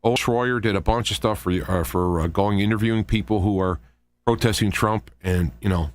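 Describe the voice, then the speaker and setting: Hosting a talk radio program, a man with a fairly low voice gives loose political opinions in a halting, meandering style. Conversational asides pop up throughout.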